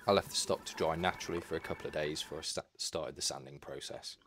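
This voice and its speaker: A man calmly giving practical, step-by-step woodwork restoration advice as a voice-over. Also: extremely low pitch, quick pace, a little hiss or hum. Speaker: woodwork tutorial narrator. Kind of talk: instructional voice-over.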